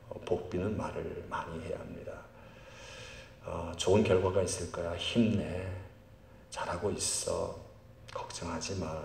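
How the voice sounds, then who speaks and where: A middle-aged man preaching a sermon as pastor of a church, swinging between loud emphatic lines and very quiet ones. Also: on the low side. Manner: lively, animated delivery. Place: church sanctuary. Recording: roomy church sound.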